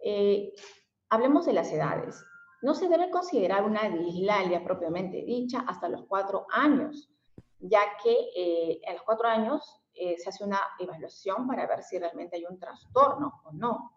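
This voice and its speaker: A woman's voice: medium pitch, animated, measured pace. A woman giving an explanatory lesson as a special education teacher, often adding fillers and tag questions. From Mexico. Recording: echoey room, dull lo-fi sound.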